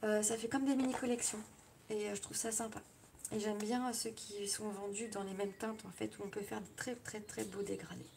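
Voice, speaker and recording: A woman's voice: medium pitch, little pitch movement, brisk, vocal fry. A woman with a French accent hosting a casual live crafting tutorial, chatting her way through each step with small asides. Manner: chatty, narrates each step with little "hop" and "voilà" asides. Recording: loud background noise with clicks.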